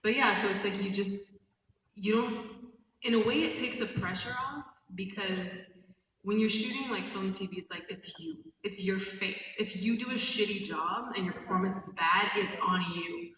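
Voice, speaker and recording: Chatty actress in an echoey hall. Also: female voice, mid-range voice, moderate pace, distant mic, slight background noise. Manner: chatty, self-conscious about speaking loudly. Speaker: voice and mocap actor on a panel. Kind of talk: casual panel talk. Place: large convention panel room.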